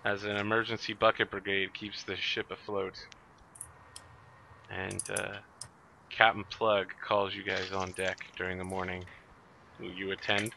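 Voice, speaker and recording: Sharp, low-voiced man running a game. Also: little pitch movement, unhurried, creaky, long pauses. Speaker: game master. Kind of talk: narrating a tabletop role-playing game. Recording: dull recording, faint noise, clicks.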